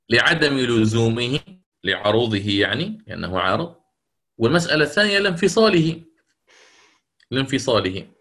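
Male recitation teacher, measured classroom delivery, repeats points for emphasis, mid pitch. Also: a bit bright. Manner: deliberate, repeats key points. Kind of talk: classroom lecture.

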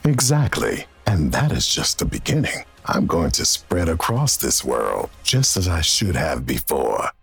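Very deep, gravelly AI villain. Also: male voice, huge pitch swings, measured pace, few pauses, fairly bright tone, soft background music, full character voice. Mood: menacing, gloating. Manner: grandiose, menacing pronouncements. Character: vengeful male rogue AI villain, menacing, boastful, contemptuous. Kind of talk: villain monologue in audio drama.

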